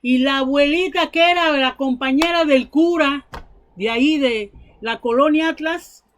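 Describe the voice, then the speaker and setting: A woman's voice: high-pitched, unhurried, a little hiss or hum. A woman preacher delivering a sermon, telling Bible stories and her own testimony in an earnest, emphatic way.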